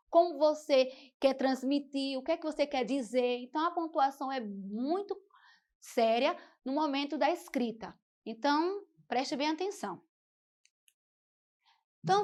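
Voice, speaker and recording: A woman teacher giving a televised school lesson, explaining step by step and often saying "então" and "né". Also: sits high. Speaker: Portuguese teacher.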